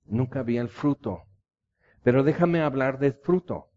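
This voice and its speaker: Man preaching, warm dull recording. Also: mid-range voice, unhurried. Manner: impassioned storytelling preaching. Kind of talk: sermon.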